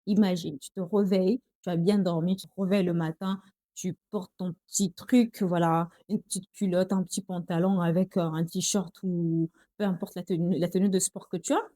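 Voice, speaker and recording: A young vlogger with a Congolese French accent chats casually to camera, often calling her viewers girls. Her voice is on the low side and warm, with fairly even intonation at normal speed, in a dry recording.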